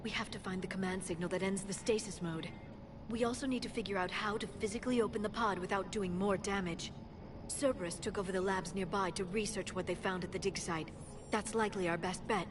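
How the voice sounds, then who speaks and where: An actress voicing an earnest young female alien scientist who talks in a thoughtful, careful way, in game audio with clear noise behind. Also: mid-range voice, fairly even intonation, a little fast, close to an everyday voice.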